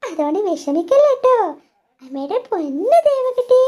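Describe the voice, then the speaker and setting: A woman's voice: very high-pitched, very animated, moderate pace, mellow. A woman doing a fretful young mother. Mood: soothing. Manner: fretful, soothing. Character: worried young mother, caring and soothing. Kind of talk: doll story voice acting.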